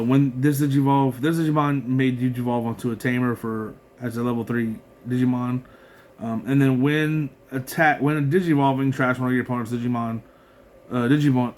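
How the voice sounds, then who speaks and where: A man's voice: medium pitch, darkish tone. A man casually walking through his card game deck, reading card effects aloud with lots of fillers and restarts. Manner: rambling, filler-heavy, reads card text aloud with frequent restarts. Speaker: card game content creator.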